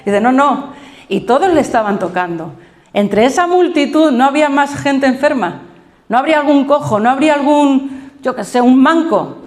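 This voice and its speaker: A middle-aged woman pastor with a Spain Spanish accent preaches in a fairly high voice. She tells the story with energy, slips into quoted voices and laughs along the way. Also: lively intonation, moderate pace, a little mellow, echoey room. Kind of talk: sermon.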